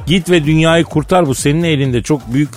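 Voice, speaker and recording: A man's voice: fairly high pitch, fairly quick, soft background music. A man hosting a comic radio show, teasing his partner with a mock-serious tale in a studio. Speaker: radio comedy host.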